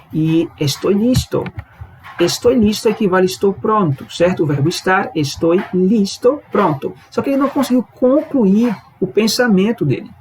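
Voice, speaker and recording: Higher-voiced man teaching. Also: slight background noise, poor audio. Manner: patient, explains step by step, checks in with "certo?". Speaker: language teacher. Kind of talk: explanatory lesson narration.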